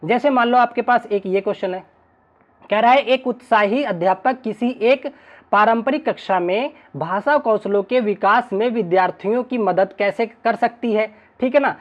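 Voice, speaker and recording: A man's voice: high-pitched, moderate pace, dull audio. A male teacher giving an online exam-prep lesson, chatty and constantly checking in with his students. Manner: chatty, keeps checking in with "ठीक है ना".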